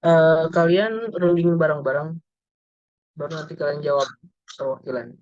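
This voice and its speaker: Halting young man on a muffled call. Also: on the high side, darkish tone, no echo. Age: young adult. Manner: halting, many filler sounds. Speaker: assessor playing a company representative. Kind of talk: role-played group discussion assessment. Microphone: video call.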